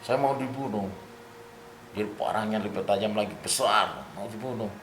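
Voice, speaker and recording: An older man telling a story in casual spoken style, animated and rising to loud bursts at tense moments, with a gravelly voice. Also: fairly low pitch, moderate pace, noisy background. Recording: roomy room with clear background ambience.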